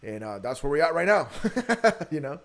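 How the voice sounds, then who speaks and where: A Guatemalan entrepreneur in his early thirties, a native Spanish speaker with a Guatemalan accent, shares his personal story candidly as a podcast interview guest. His fairly high, gravelly voice is very animated at a moderate pace, and he frequently repeats words.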